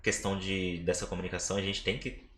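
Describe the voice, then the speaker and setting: Brazilian guy chatting on a podcast, quick talker, slightly low voice, faint hiss. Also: level tone, fairly bright tone, reverberant. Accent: Brazilian Portuguese. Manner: quick talker who slows down to stress points. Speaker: nutritionist podcast co-host. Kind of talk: casual podcast discussion.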